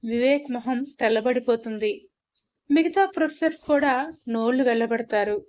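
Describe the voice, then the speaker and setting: A woman narrating a scripted romance story in a steady storytelling manner. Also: fairly high pitch, normal speed. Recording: dull lo-fi recording.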